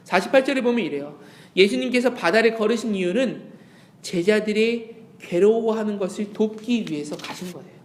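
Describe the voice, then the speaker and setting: A man preaching a Sunday sermon as pastor, earnest, dropping to a hush when he quotes Jesus. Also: sits high, roomy sound. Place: church sanctuary.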